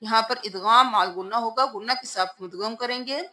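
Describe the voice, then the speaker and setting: A woman's voice: on the high side, bright, forceful tone. A woman teaching Quran recitation, patiently spelling out words letter by letter in a tajweed lesson.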